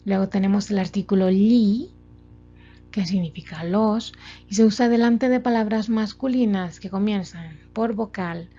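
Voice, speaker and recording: Here a woman with a warm, medium-pitched voice teaches grammar from her slides. As a language teacher, she explains each point slowly and carefully, offering example after example. Faint music runs beneath the dull, lo-fi sound.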